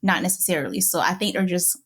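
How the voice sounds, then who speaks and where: A woman's voice: on the low side, animated, fast, a bit bright, slightly rough. A young woman co-hosting a podcast, a chatty storyteller with a teasing manner in casual talk. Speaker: podcast co-host. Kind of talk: casual chat.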